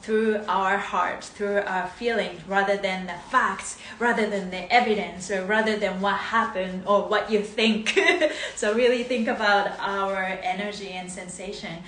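Speaking at a measured pace with a steady tone, a woman's mid-range, fairly bright voice leads a live-streamed movement class. She is in her thirties, originally from Japan and a native Japanese speaker, and her greetings are bubbly and sing-song, with lots of laughing. Her phone films her in the living room, close at first then from across the echoey room, with faint noise.

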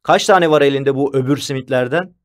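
A man's voice: mid-range voice, fairly quick, natural voice. Casting: a man playing a confident, good-humored vice principal who gives firm short orders, for an audiobook. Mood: assured. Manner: calm and firm, then warmly commanding. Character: cheerful, self-assured male school vice principal. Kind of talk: audiobook character voice.

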